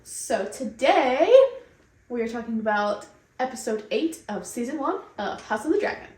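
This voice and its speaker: A woman's voice: fairly high pitch, lively intonation, normal speed, a little mellow. Laughing woman co-host, echoey room. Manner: teasing, laughing, wrangling her co-host. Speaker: podcast co-host. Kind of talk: casual chat.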